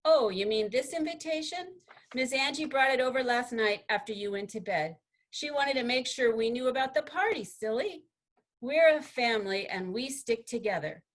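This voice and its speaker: A woman's voice: a little high, expressive, normal speed. A woman voicing a goofy big brother in a storybook, in a playful, teasing way.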